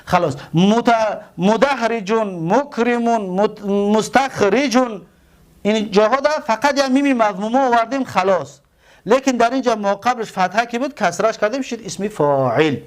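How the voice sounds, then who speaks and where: During a classroom grammar lesson, a man with a Tajik accent speaks expressively in a fairly high voice. He draws out and repeats the important terms, and he asks his students questions that he then answers on his own.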